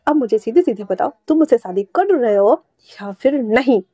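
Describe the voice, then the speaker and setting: A woman's voice: a little high, lively intonation, moderate pace, mellow, slightly rough, no echo. Woman reading a teasing, bossy older uncle for a storybook, dry and lo-fi. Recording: dull lo-fi dry recording.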